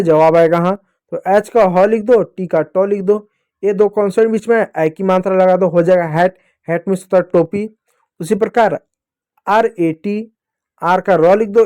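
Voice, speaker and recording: A man's voice: high-pitched, warm tone, dry recording, studio quality. A young man teaching a phonics lesson to young children, patiently repeating rules and asking and answering his own questions.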